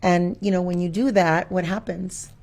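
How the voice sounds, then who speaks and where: A woman with a fairly low voice, speaking at normal speed, is a schoolteacher being interviewed as a guest. She answers in a reflective, expressive, conversational way, quoting her own thoughts and asking rhetorical questions.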